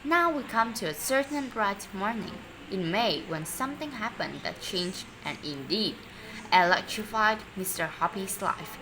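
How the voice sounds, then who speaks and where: A woman reading a children's story aloud expressively and deliberately, sometimes stumbling over words. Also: medium pitch, animated, noisy background. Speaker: storybook reader.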